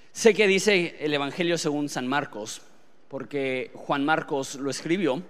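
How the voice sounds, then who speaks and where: A man, preaching a sermon in a conversational way, dropping to quiet asides and rising to loud, emphatic outbursts. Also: a little high, in a large hall. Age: late 20s. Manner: conversational, uses rhetorical questions.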